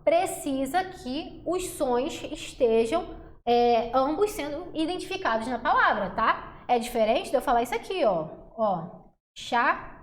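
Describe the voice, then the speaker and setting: High-voiced woman teaching Portuguese grammar. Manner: casual, chatty, addresses class as galera and gente; slows to sound out syllables. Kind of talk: exam prep grammar lesson. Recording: roomy echo.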